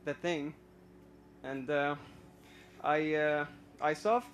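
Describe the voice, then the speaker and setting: A young Iraqi man calls in to a live stream and hesitantly tells a casual personal story, full of fillers and restarts, nervously admitting to stage fright. His voice is fairly high, slow, and fairly bright.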